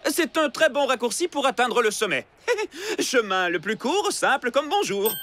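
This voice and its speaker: A woman's voice: a little high, big pitch swings, normal speed, a bit bright, a little hiss or hum. A woman playing a chatty, self-pleased magical translator creature in a children's cartoon, playful and showy. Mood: chatty, helpful.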